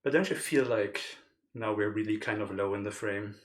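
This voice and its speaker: A man's voice: fairly low pitch, moderate pace. Male co-host, casual stream banter, slightly winded, fiddly and playful. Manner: playful, fussing with the mic setup. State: a bit out of breath. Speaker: podcast co-host. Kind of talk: casual livestream chat.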